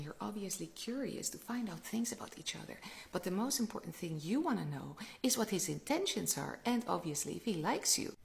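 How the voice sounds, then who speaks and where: A woman's voice: mid-range voice, creaky. A woman giving slick, confident dating advice straight to the listener in an assertive, instructive way. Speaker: dating coach.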